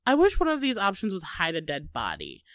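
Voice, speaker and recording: Young Midwestern woman podcast co-host, slightly low, rambling and giggly, dry close sound. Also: wildly swooping pitch, brisk, a bit bright, dry recording. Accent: Midwestern American. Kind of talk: casual chat.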